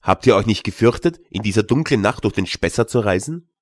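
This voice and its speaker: A man's voice: on the low side, expressive, a little fast, dry recording, studio quality, natural voice. A man reading an audiobook, voicing a courteous, refined young nobleman. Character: polite, genteel young nobleman at an inn.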